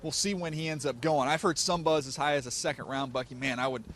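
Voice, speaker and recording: Man, football podcast host, brisk, slightly high voice, faint noise behind. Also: fairly even intonation, fairly bright tone. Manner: brisk, segment-driving host.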